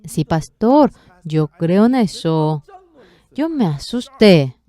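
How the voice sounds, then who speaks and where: A woman interpreting a pastor's sermon live, telling the story in a measured way. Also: mid-range voice, warm tone.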